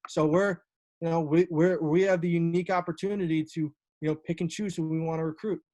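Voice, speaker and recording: A man's voice: a little high, steady tone, brisk, mellow. A young man, a college lacrosse coach talking casually on a video call, rambling with many fillers and restarts.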